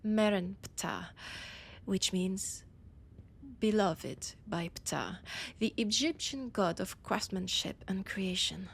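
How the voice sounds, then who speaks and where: A French-accented woman voices an annoyed, imperious vampire scholar in an intimate audio roleplay, haughty and commanding, often dropping to a whisper. Her mid-range voice is gravelly and husky, and the performance is heavily acted.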